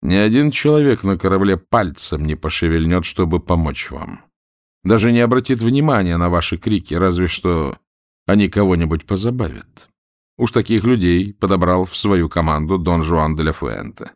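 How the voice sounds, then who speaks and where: A man playing a cold, calm pirate captain who speaks with mocking irony. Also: low voice, moderate pace, dry recording, clean studio sound.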